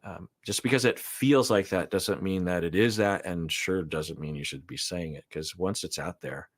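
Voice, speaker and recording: A man's voice: sits low, moderate pace. A man speaking as a therapist in casual reaction commentary, thoughtful and hesitant, explaining relationship patterns. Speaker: therapist co-host reacting to a reality show.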